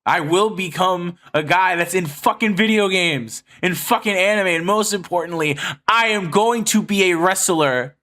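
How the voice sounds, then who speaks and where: A video creator speaks directly to his subscribers in a high, sharp-toned voice at a moderate pace. His personal monologue is earnest and emphatic, and he swears freely throughout.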